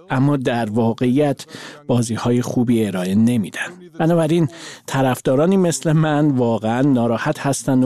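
A man voicing a translation over a guest's words, with a measured, even delivery. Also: mid-range voice. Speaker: voice-over interpreter.

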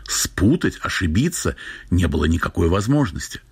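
A male narrator reading literary prose in a measured storytelling manner. His voice is low and husky. It is recorded dry and close, with no room sound. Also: very animated, no echo.

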